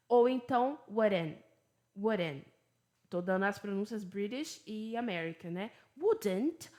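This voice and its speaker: A woman teaching English in a relaxed, chatty lesson, mixing explanations with English examples. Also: a little high. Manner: chatty, switches between Portuguese and English examples. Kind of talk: casual bilingual lesson.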